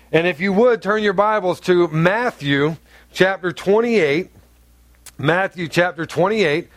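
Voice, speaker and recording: In a church sanctuary, a North Carolina pastor gives a sermon to his congregation, blunt and joking, conversational and packed with asides. His deep, carrying voice sits on the higher side for a man, and the audio is close and dry with little room echo.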